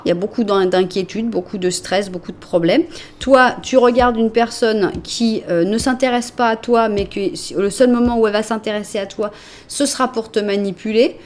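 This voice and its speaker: A woman's voice: medium pitch, moderate pace, a little mellow. A woman from France, in her forties, doing a chatty, reassuring tarot card reading and narrating each card as she draws it. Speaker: tarot reader.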